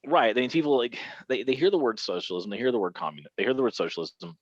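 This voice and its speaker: A man co-hosting a casual podcast chat, animated, repeating words and laughing often. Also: mid-range voice, quick pace, no echo, muffled recording. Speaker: podcast co-host.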